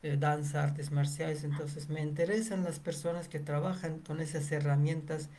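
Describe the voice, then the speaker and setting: Lower-voiced woman hosting, unhurried. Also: little pitch movement, dark tone. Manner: unhurried, hesitant, many fillers. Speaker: interview host. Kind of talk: casual interview.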